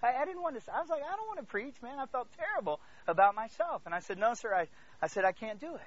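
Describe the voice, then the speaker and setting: Preaching with emphasis to his congregation, this man from the Congo in Central Africa has a very high-pitched voice with big pitch swings and a quick pace. He repeats phrases, checks in with his listeners, and moves from hushed asides to loud declarations in an animated sermon. There's no room sound, though the audio is slightly dull.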